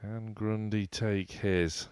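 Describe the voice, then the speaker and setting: Man, live darts commentary, lowish smooth voice, polished wordy phrasing, dry close sound. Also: level tone, takes it slowly, darkish tone, no echo.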